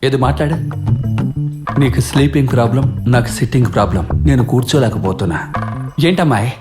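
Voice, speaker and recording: An actor dubbing a sarcastic, impatient priest in a film comedy, firing off quick retorts. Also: male voice, medium pitch, lively intonation, over loud music, lightly acted. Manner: fast wisecracking retorts. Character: sarcastic middle-aged male priest, impatient. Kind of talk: dubbed film comedy dialogue. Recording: film dub with background score.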